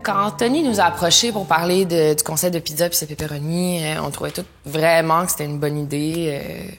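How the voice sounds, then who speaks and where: A woman's voice: sits low, brisk, faint music behind. A woman, an actor giving a rambling, self-promoting mockumentary interview with many hesitations.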